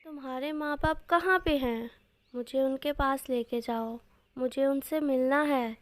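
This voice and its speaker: A woman voicing a hot-tempered, protective mother animal in a cartoon story, quick to scold. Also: sits high. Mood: angry. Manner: angry, scolding.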